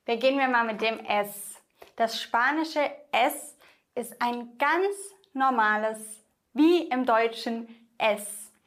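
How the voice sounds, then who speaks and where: A young woman gives an online language lesson in a somewhat high voice. She speaks slowly and deliberately, repeating each example word so the listener can say it after her. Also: a bit bright. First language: German. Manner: slow, careful, repeats example words for the listener to echo. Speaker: Spanish pronunciation teacher.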